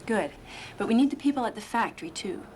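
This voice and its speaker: A woman's voice: fairly high pitch, lively intonation, fast talker, darkish tone, lightly acted. A practical union organizer, played by a woman, explains things plainly and without fuss. Faint noise sits under the scene. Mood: frank. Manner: plain-spoken, matter-of-fact. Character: practical female union organizer, frank and supportive.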